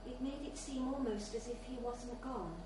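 Her voice sits a little high and moves at a normal speed as she narrates a scripted literary short story at a live bar reading. Captured on a distant mic, the sound is very echoey with faint background noise.

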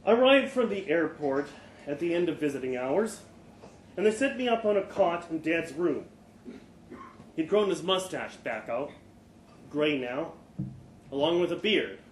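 At a live event, a man with a slightly high voice performs a first-person short story, reading it with expressive, dramatic pauses and the occasional stumble. The room has a noticeable echo, and faint noise sits in the background.

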